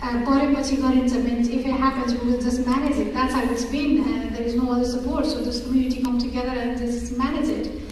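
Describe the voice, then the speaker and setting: A woman from Nepal speaking as a panelist in an academic discussion, thoughtful and pausing with fillers. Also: a little high, little pitch movement, a little mellow. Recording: echoey hall, distant mic, faint noise.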